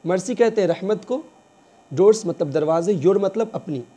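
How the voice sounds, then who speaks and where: Male English tutor, high mellow voice, slow repetitive drilling style. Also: animated. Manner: repeats words slowly, quizzing the listener. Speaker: English teacher. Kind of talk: slow bilingual reading lesson.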